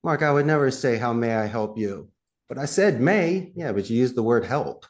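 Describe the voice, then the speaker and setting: The man, a call center CEO whose accent places him in Philadelphia, speaks at a normal speed while giving lively, emphatic interview answers. His voice rises and falls with gusto, and laughter comes frequently.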